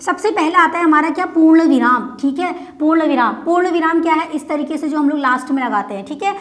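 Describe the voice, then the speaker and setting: A woman teaching a Hindi exam-prep lecture, often repeating points, asking herself rhetorical questions and slowing down to dictate word by word. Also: high-pitched, fairly bright tone. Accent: Uttarakhand Hindi. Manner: slows down to dictate words one by one. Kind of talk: classroom lecture.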